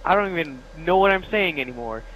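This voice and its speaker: Guy playing a game with his buddies, rambly, slightly high voice, faint hiss behind. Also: expressive, a bit bright, rough recording. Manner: rambling, rapid exclaims. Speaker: co-player. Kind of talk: casual gameplay chat.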